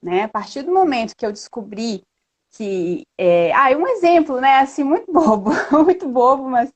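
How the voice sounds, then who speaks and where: A woman guest in a casual live chat, earnest and lively, often tagging her sentences with a questioning "né?". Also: high voice, normal speed. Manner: earnest, lively storytelling with frequent "né?".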